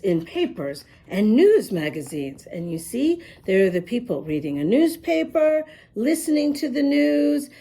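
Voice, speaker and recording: In a dark-toned, mid-range voice, a woman gives young children an expressive storybook reading, adding explanations and asides in an emphatic, sing-song way.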